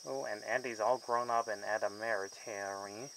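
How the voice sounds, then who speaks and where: Dude rambling through a movie review, lowish voice, kinda loose and wandering, little cricket noise in back. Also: male voice, fairly even intonation, moderate pace, creaky. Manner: rambling and loosely strung, trailing off mid-thought. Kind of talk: casual rambling review vlog.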